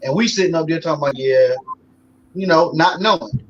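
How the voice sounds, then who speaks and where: A man's voice: on the high side, fairly quick, a crowd in the background. A man in his forties, a guest on a talk show, talking in a loose, folksy way with lots of fillers. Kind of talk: casual talk show conversation. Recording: slightly dull sound with faint noise.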